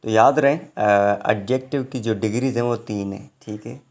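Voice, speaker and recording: In a recorded online lecture, a man with a slightly mellow, lowish voice teaches English grammar. He goes through it slowly, step by step, pausing often to check in with his students.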